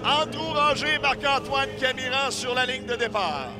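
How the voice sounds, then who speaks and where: A man's voice: very high voice, moderate pace, over loud music, a loud crowd. A Québécois man giving live motorsport commentary, analysing the race and reading out lap times. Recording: very noisy outdoor racetrack, engines behind.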